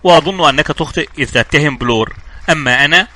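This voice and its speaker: A man's voice: fairly high pitch, quick pace, sharp tone. Man reading as an anxious young woman. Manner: anxious, pleading. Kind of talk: audiobook dialogue reading.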